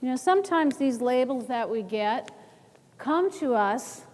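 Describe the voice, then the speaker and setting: Woman, workshop presenter, higher voice, conversational, long hall reverb. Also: expressive, unhurried, darkish tone. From Northern United States. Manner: conversational, asks "right?".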